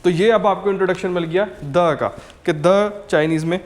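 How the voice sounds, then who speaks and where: A man's voice: high-pitched, moderate pace. A man teaching a language lesson, patiently repeating each word for learners to copy and checking in with "ok" as he goes. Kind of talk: slow step-by-step language lesson.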